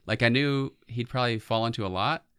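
A man's voice: mid-range voice, a little fast, a bit bright, clear, resonant tone. A man in his forties co-hosting a podcast, chatting casually about pop culture. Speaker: podcast co-host.

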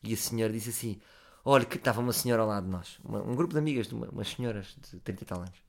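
A man with a European Portuguese accent telling a comic story, animated, swinging between loud and low. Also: rapid-fire, creaky.

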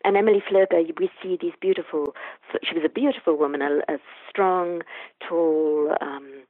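A woman's voice: lowish voice, normal speed, dry recording. A woman art historian speaks over a tinny phone line with a dry, close sound. She talks thoughtfully, circling back with small restarts and fillers as she builds each point. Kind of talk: interview answers.

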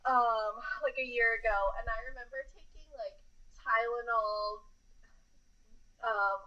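A woman co-hosting a podcast in casual chat, blunt and quick to swear, laughing often. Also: on the high side, fairly even intonation, dull audio. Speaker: podcast co-host.

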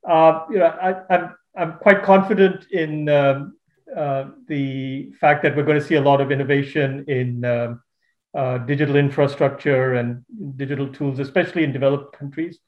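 A man hosting an interview over a video call, asking long questions with many pauses and restarts. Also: fairly high pitch, muffled recording. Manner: hesitant, many fillers and restarts. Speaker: interviewer host.

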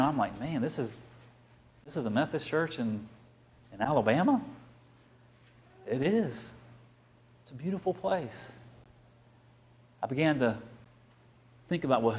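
A middle-aged man, a pastor telling a personal story in a conversational sermon, quoting other people in lively bursts. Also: mid-range voice.

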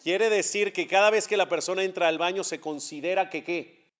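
A fairly quick, somewhat bright male voice sitting high belongs to a rabbi lecturing a religious class. Conversational and speaking straight to his students, he asks rhetorical questions and supplies the answers. The class recording is dull and lo-fi.

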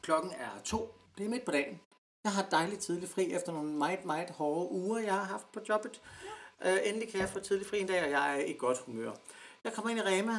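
Animated Danish male storyteller. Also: high-pitched. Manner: animated storyteller, acts out quoted people. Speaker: podcast co-host. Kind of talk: casual chat.

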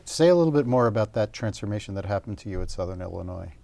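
A male interviewer asks an artist thoughtful, probing questions. His voice is a little low with a gravelly edge. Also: lively intonation, fast talker, warm tone, no room sound.

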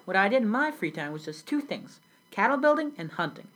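A young teenage girl, medium-pitched with big pitch swings and a fairly bright tone, speaks a little fast. In a scripted school interview role-play, she earnestly tells the story of a grown immigrant remembering a South Sudan childhood.

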